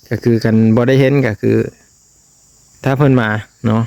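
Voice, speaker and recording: A man with a Lao accent chatting casually to his viewers, with lots of drawn-out fillers. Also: medium pitch, steady tone, vocal fry, a little mellow, clear, resonant tone, no echo. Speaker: vlogger.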